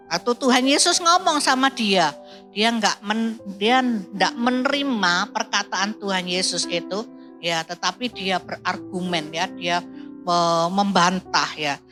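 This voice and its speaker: A woman's voice: medium pitch, bright, forceful tone. A woman preacher, reading Bible verses and explaining them in a sermon, often adding "ya" and "Saudaraku". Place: church service.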